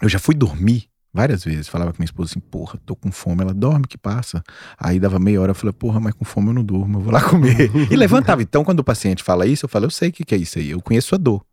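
With a lowish, somewhat breathy voice, a Brazilian Portuguese-accented doctor in his forties rattles off stories at high speed during a casual podcast conversation. His delivery is animated, slangy and emphatic, captured in clean studio sound without echo.

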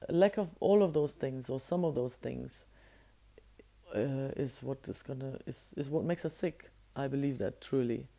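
In a casual solo podcast monologue, a woman host speaks with a naturally deep, rough, hoarse voice that is still mellow, strained from singing. She reflects aloud, often restarting as she searches for what to say.

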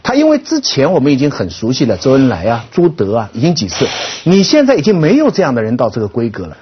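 Brief: quick, lively-pitched husky man, fifties, talk-show guest, slightly muffled studio audio. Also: slight background noise. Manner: animated storyteller, lively pitch. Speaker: guest commentator. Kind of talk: casual panel chat.

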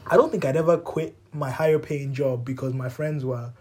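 Low-voiced young woman, dry banter. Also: fairly quick, warm tone. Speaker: vlogger. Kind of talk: casual chat.

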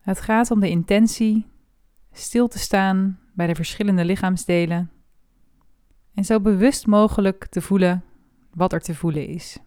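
Woman, meditation guide, slow soft delivery, smooth voice, dry close sound. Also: medium pitch, no room sound. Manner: slow, soft and calm with long pauses. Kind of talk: guided body scan meditation.

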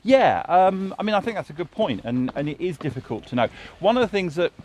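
Outdoors near a road, a television drama writer speaks in a high-pitched, sing-song, slightly mellow voice at a fairly quick pace. The conversation is casual and thoughtful, full of fillers and restarts, with passing traffic faintly heard.

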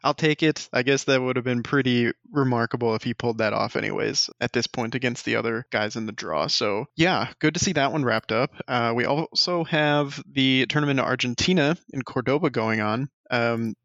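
A man co-hosting a casual sports podcast, talking in a relaxed, joking way. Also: mid-range voice, moderate pace, vocal fry, few pauses, dry recording, dull audio. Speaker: podcast co-host.

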